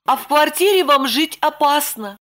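A woman's voice: expressive, normal speed, fairly bright tone. Woman voicing a jittery pleading young woman. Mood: fretful, pleading. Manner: high, pleading and flustered. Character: anxious fretful young woman. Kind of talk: audiobook character voice.

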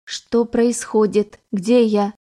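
Woman voicing a slow metallic android boy. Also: medium pitch, flat delivery, dark tone, close to an everyday voice. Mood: confused. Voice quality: metallic, robotic machine-like delivery. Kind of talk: audiobook reading.

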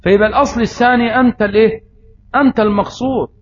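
A man's voice: very high-pitched, fairly even intonation, very fast. A man with an Egyptian accent giving a religious lesson, posing rhetorical questions and answering them himself. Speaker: preacher. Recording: slightly dull audio, faint noise.

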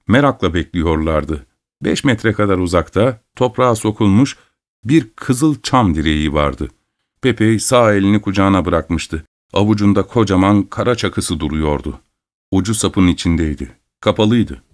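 A man narrating an audiobook in a measured, expressive storytelling manner. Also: on the low side.

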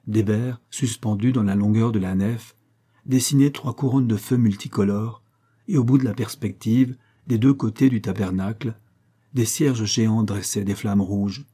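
A man narrating a classic novel as an audiobook, with measured, even reading. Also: on the low side, breathy edge.

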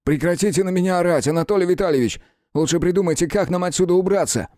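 A man's voice: sits high, quick pace, dry recording, studio quality, pitched above the performer's own voice, lightly acted. Man doing a snapping, defiant investigator. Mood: shouting. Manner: sharp, snapping. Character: restrained but defiant young male investigator.

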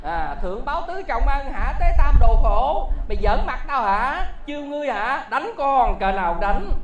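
A preacher voicing a stern, hot-tempered rich old man who scolds loudly, in a storytelling sermon. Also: medium pitch, animated, normal speed, slight background noise, natural voice, poor audio. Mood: angry. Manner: loud, shouting accusations.

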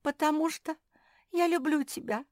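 A woman's voice: fairly high pitch, animated, takes it slowly, no room sound, clean studio sound, pitched above the performer's own voice. A woman voicing a tearful, emotional female bulldog bride in a children's audiobook.

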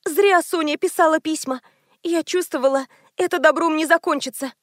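A woman voicing a quiet, meek young woman who speaks softly, almost whispering, in an audiobook. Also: high-pitched, moderate pace, no room sound, studio quality, voice pushed up, close to an everyday voice. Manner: soft, near-whispered.

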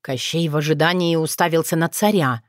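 A woman narrating an audiobook fairy tale in expressive storytelling. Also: low-pitched, a little fast, no room sound, clean studio sound.

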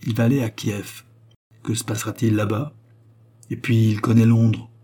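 A man voicing a humble, secretive old man who speaks gravely and with respect. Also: fairly low pitch, flat delivery, moderate pace, dark tone, lightly acted.

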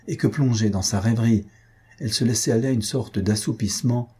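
A man reading a classic novel aloud as a narrator, with a measured, even delivery. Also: lowish voice, breathy edge. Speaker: audiobook narrator. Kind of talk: scripted narration.

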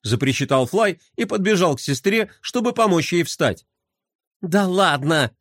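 A man reads a children's story with a fairly high voice that rises and falls animatedly. The recording is dry and close, with no room sound. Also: normal speed, no room sound. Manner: expressive, lively. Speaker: narrator.

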